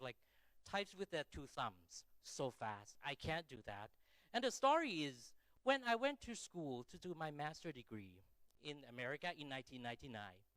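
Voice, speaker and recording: Keynote speaker: middle-aged man, Thai accent, slightly high clean voice, informal and self-deprecating delivery. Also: a bit bright, no room sound, low-quality recording. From Thailand. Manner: self-deprecating, checks in with listeners using rhetorical questions. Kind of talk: conference keynote speech, conversational and informal.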